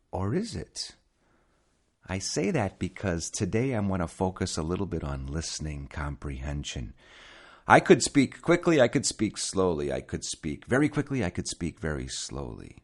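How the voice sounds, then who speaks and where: Lively low-voiced man teaching English. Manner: lively, repeats phrases for learners to imitate. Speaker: English teacher and podcast host. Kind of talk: podcast English lesson with drills.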